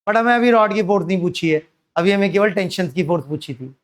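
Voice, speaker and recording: A man teaches a physics lesson to students in a classroom lecture, repeatedly asking them questions and then answering them himself. His voice is high-pitched and fast.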